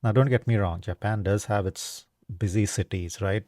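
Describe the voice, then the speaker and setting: A man with a fairly low, mellow voice reflects on life in an unhurried, conversational way. He is from India and leans on fillers and tag questions as he thinks aloud, recorded close and dry. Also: steady tone, no echo. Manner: casual, thoughtful, many fillers and tag questions. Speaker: podcast host. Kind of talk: reflective solo talk.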